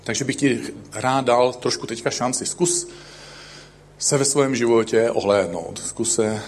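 A middle-aged man giving a sermon, telling jokey self-deprecating stories about himself and swinging between loud emphatic lines and quiet low asides. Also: a little hiss or hum. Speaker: preacher. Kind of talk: sermon with humorous personal stories.

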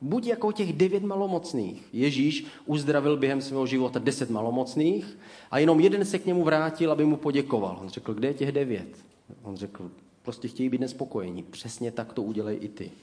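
A man preaching an ironic sermon, giving sarcastic mock advice and telling stories in an animated way. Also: medium pitch.

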